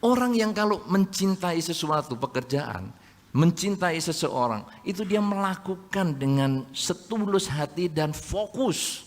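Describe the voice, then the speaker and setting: An older monk preaches in a lively storytelling manner. He acts out little quoted scenes with humor, in a somewhat high voice. The sound carries a long reverb from a large hall. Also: measured pace. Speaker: Buddhist monk giving a dharma talk. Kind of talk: sermon.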